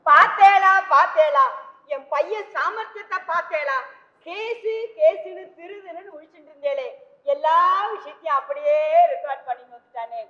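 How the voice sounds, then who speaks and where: A woman's voice: high voice, moderate pace, natural voice. An actress playing a doting middle-aged mother who exclaims and keeps gushing over her son in a stage comedy. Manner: exclaiming, repeats "aiyo", gushing praise. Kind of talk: vintage stage comedy acting. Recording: old stage recording, dull roomy hall.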